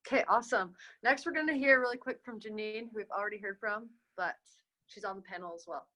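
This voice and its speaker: A woman's voice: mid-range voice, bright, forceful tone, low-quality recording. A young woman moderating a casual student webinar over a video call, upbeat and chatty. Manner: upbeat, chatty, quick transitions.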